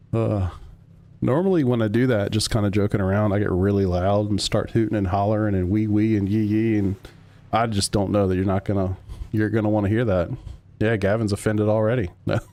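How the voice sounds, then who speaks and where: A man's voice: on the low side, steady tone, fairly quick, warm tone. A man streaming a sim racing game, chatting casually with his chat while he drives. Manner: laid-back, rambling, answers chat.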